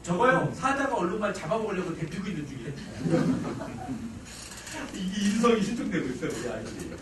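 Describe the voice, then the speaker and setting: A man giving a psychology lecture on parenting to a live audience, talking in an animated way. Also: high voice, normal speed, far from the mic, background noise. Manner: animated, acts out mothers' lines with sudden shouts. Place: lecture hall. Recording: roomy hall sound from off-mic. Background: audience laughter.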